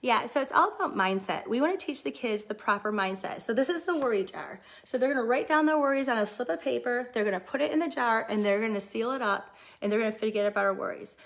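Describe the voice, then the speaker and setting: A middle-aged woman who runs a daycare, chatting casually and excitedly on a livestream. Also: a little high, quick pace, gravelly, few pauses. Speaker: daycare owner.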